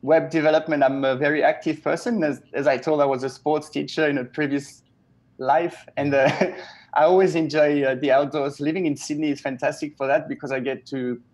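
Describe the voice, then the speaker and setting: A man from Switzerland in his thirties, speaking in a somewhat raised voice. He sounds relaxed and enthusiastic as a guest on a video call, recorded through an earphone headset in a small home office. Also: a little high, a little fast. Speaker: guest web developer. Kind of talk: casual video-call interview.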